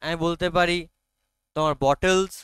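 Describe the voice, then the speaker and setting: A male teacher with a Bengali accent explains grammar to a classroom, pausing often to ask whether everyone has understood. His voice sits high and rings clear and smooth. The sound is close and dry, with no room echo. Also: steady tone, a bit bright. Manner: frequent check-ins with students.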